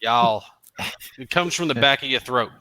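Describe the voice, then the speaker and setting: A man's voice: medium pitch, fast, over a noisy crowd. A man from the US South with a Southern accent, teasing and joking in a casual podcast chat.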